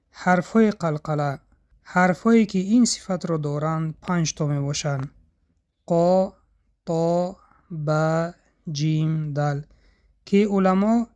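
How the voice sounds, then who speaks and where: Tajweed teacher, mid-pitched, measured lecturing, stretches out sample sounds. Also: a little mellow. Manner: measured, demonstrates letter sounds slowly and drawn out. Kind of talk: instructional explanation.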